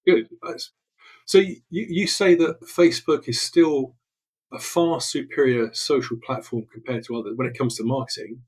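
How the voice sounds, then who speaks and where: A man's voice: mid-range voice, steady tone, moderate pace, a little mellow, husky, rough recording. A man hosting an interview over a video call, asking short, polite questions. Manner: polite, brief prompts. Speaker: interview host.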